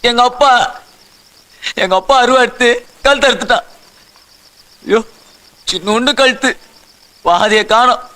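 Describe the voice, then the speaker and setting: A man's voice: very high-pitched, a little slow, pauses often, bright, forceful tone, full character voice. A young man doing a drunk, weeping street tough. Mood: grieving. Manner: rambling, swings between laughing and sobbing. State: drunk, tearful. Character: drunk young street tough grieving his mother, male. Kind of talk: fan recreation of a film scene.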